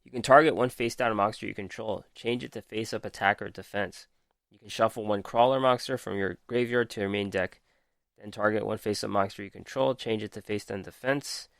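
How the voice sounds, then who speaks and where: A man's voice: on the low side, fairly even intonation, brisk, creaky, fairly bright tone, no echo, studio quality. A man hosting a podcast, methodically reading out card text and reviewing it with frequent ums while losing his voice. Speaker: podcast host. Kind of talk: casual card game review.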